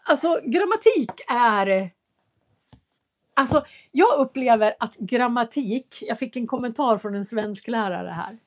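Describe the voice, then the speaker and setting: A woman teaching in a live lesson, answering viewers and speaking clearly, with careful articulation and a patient, explanatory manner. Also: on the high side, darkish tone. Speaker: Swedish teacher.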